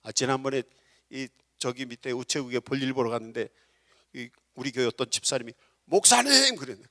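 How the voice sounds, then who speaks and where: A middle-aged man preaching a sermon as pastor, swinging from low, quiet asides to loud, soaring declarations. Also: level tone, a little fast. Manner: preaching with sudden loud rises.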